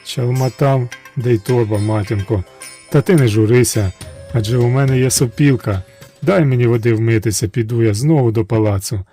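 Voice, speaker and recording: A man voicing a brave young hunter hero who speaks calmly and firmly. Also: mid-range voice, normal speed, soft background music, close to an everyday voice.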